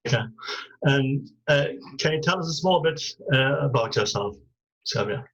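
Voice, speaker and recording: A man's voice: medium pitch, animated, moderate pace, a bit bright. A man hosting an interview, asking questions hesitantly and searching for words, on dull lo-fi audio. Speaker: host.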